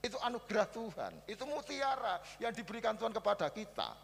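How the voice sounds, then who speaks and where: Gravelly Javanese-accented preacher man. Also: high voice, quick pace. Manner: lively storytelling, swings between soft asides and loud preaching. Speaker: pastor. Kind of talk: sermon. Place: church hall. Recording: reverberant church hall.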